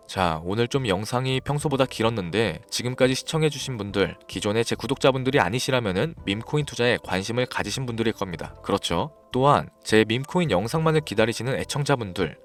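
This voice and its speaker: Brief: male host, brisk scripted sales pitch, faint music bed behind. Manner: earnest, sales-pitch delivery. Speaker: crypto channel host. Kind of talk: scripted persuasive voice-over. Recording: voice-over with faint background music.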